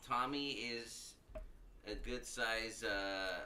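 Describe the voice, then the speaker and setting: A man's voice: lowish voice, extremely slow, bright, forceful tone, a little hiss or hum. A man from Southern California co-hosting a podcast, rambling and self-deprecating, laughing easily in casual joking chat. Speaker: podcast co-host.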